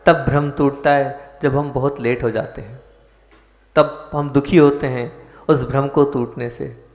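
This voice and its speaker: A male Jain monk giving a sermon, chanting prayers slowly and then preaching in a measured way with rising emphasis. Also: mid-range voice, vocal fry. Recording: echoey hall with long reverb.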